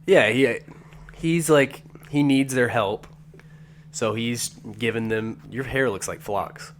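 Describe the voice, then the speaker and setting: A man's voice: mid-range voice, slow, slight background noise. A man co-hosting a podcast with casual, profane, boastful comedic banter. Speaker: podcast co-host.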